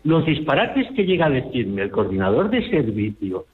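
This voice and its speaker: A man's voice: medium pitch, sing-song, moderate pace. A man calling in over the phone to a radio show, indignant and insistent as he lays out his complaint. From Spain. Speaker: caller. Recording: tinny phone line.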